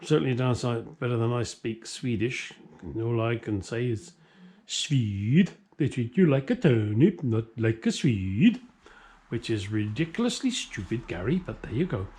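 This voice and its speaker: Slightly slow, expressive and a little mellow with a breathy edge, this mid-range voice comes from a middle-aged British classic car vlogger. He chats casually and ramblingly to camera in his home workshop, with a blunt, jokey, self-deprecating style.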